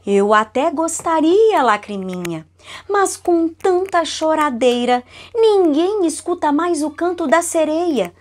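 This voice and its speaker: A woman voicing a male sea who regretfully refuses, speaking in a low, slow and sorrowful tone. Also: expressive.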